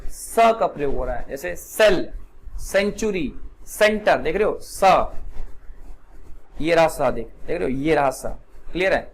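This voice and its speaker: A man's voice: a little high, lively intonation, unhurried, creaky, pauses often. A man runs a spoken English lesson. He asks questions over and over and repeats each answer back to his students. A faint hiss sits under the recording. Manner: repetitive call-and-response questioning. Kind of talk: classroom lesson.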